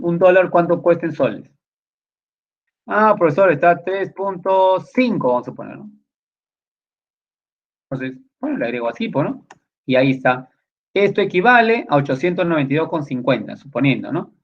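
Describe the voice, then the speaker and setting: A man teaches a recorded spreadsheet class in a voice pitched a little high. He explains lively, often voicing his students' questions before answering them. The sound is dull and lo-fi, from a computer mic. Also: creaky.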